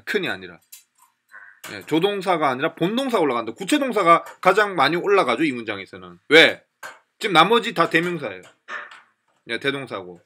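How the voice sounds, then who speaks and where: A man with a Korean accent gives a lively English pronunciation lesson and repeats example phrases to drill them. His voice sits a little high and sounds bright and clear, and his pitch swings widely as he talks. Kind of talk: lively classroom lecture with demonstrations.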